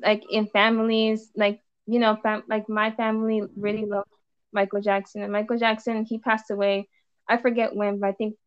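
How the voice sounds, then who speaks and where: A woman's voice: medium pitch, clean tone, no echo. Young LA woman, musician guest, rambling casual chat, muffled dry recording. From Los Angeles, USA. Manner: rambling, many "like"s and trailing restarts.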